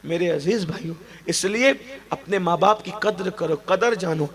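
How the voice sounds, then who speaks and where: Male preacher, high-pitched voice, emphatic, exhorting, sermon delivery. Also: fairly bright tone.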